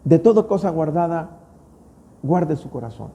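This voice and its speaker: Mexican pastor preaching in a reverberant hall. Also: male voice, fairly high pitch, animated, measured pace, dark tone, highs cut off. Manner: storytelling preacher, rising to emphatic peaks. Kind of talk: sermon. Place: church. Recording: long church-hall reverb.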